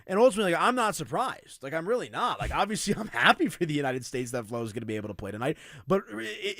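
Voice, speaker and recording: A man hosting a sports talk radio show, debating with animated asides and throwing to a break. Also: fairly high pitch, no echo, clean studio sound. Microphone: studio microphone.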